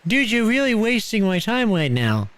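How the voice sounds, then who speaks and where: A man's voice: sits high, sing-song, normal speed, a bit bright, clean tone. A young adult man live streaming in a VR game's voice chat. He talks casually and mocks and teases the strangers he meets. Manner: brash, mocking, teasing strangers. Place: online voice chat in a VR game.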